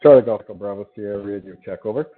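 A man speaking as a pilot over aviation radio, giving crisp, clipped radio checks and readbacks. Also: fairly low pitch, fast talker. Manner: clipped procedural phrasing. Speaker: pilot on air traffic radio. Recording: phone-like, muffled aviation radio transmission.

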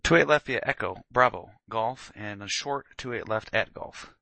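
A man's voice: fairly low pitch, normal speed, gravelly, sharp tone, dry recording. A man working as a pilot, making procedural radio calls and readbacks.

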